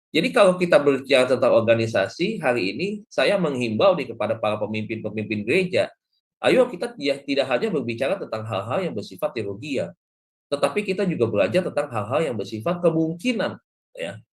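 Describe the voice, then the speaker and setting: A man, a pastor, giving a devotional sermon in a conversational preaching style with frequent asides. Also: mid-range voice.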